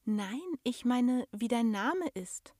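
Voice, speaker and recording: A woman voicing a timid, sweet young elf girl who speaks high and stammers when startled. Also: expressive, unhurried, no room sound, studio quality. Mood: amused.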